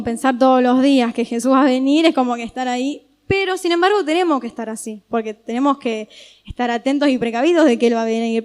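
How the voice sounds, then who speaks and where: A woman with an Argentine Spanish accent preaching a sermon, telling a personal story in a lively, conversational way. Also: high voice.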